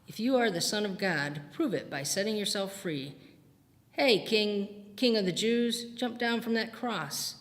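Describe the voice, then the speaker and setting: A church reader voicing a crowd of men jeering at a dying man, loud and taunting, with long church reverb. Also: mid-range voice, measured pace, pitched above the performer's own voice. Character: jeering male bystanders mocking a dying man.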